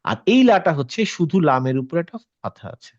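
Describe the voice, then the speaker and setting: Male tajweed teacher, slightly raised pitch, patient and questioning, dull dry lo-fi sound. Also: big pitch swings, brisk, no room sound. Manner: patient, checks with students by asking questions; mixes English words into his talk. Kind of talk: interactive class explanation.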